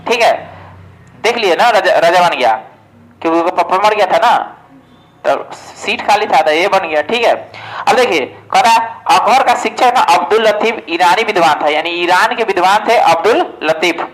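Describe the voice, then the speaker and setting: An exam coaching teacher gives a casual history lesson for test prep, posing questions and answering them himself while often saying "ठीक है". His voice is high-pitched and fairly bright at normal speed, with poor audio.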